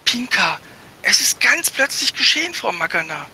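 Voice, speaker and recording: A man's voice: high-pitched, big pitch swings, normal speed, pushed and bright, slight background noise, pitched above the performer's own voice, heavily acted. A man voicing a nervous, stammering young street boy in a read-aloud fantasy story. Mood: flustered. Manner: stammering, hesitant.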